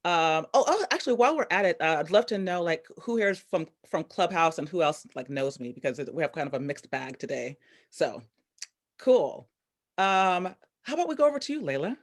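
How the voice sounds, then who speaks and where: A woman's voice: on the low side, very animated, a little fast. A woman hosting a workshop on a video call, upbeat, welcoming and chatty. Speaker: workshop host.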